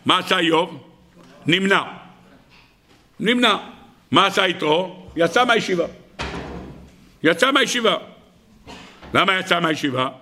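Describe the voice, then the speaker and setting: A man giving a lively Torah sermon in style, an animated storyteller who asks rhetorical questions and acts out the characters. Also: high-pitched, pauses often, a little hiss or hum. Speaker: rabbi giving a Torah lesson.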